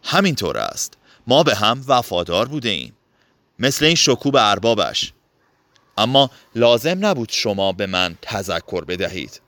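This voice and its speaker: A man's voice: on the low side, very animated, a bit bright, no room sound. A man voicing a secretive young wife who answers her husband coolly and wearily in an audiobook. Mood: cool guarded. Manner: languid, guarded.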